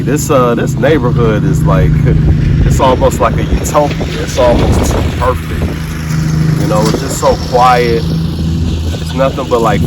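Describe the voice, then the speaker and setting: An American man from Detroit talking casually and colloquially while walking outdoors, vlogging in a laid-back way. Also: mid-range voice. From Detroit, United States. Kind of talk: casual walking vlog talk. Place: outdoors in a residential neighborhood. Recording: loud outdoor noise, passing vehicles, mower. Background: traffic and lawnmower noise.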